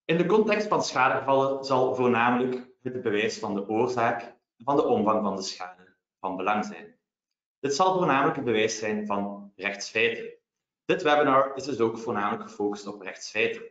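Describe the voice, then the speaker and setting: A Belgian man giving a formal legal lecture, explaining in a measured way with worked examples. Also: mid-range voice, lively intonation, a bit bright. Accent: Belgian Dutch. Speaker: lawyer presenting. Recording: roomy, dull webinar audio.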